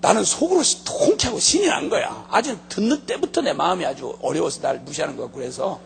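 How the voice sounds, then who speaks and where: Male pastor with a high, gravelly voice that swoops widely, preaching with lively stories and jokes. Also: fast. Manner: lively storytelling with comic asides. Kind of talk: sermon.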